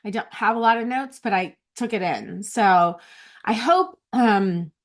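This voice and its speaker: A woman's voice: medium pitch, measured pace. A middle-aged woman in a casual vlog sharing her notes from a retreat, heartfelt and close to tears, often restarting her phrases. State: tearful.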